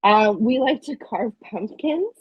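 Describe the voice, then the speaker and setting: Husky-voiced chatty woman in her thirties. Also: on the high side, animated, slow, highs cut off. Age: 30s. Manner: chatty, storytelling, many "like" fillers. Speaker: guest. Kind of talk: casual interview chat.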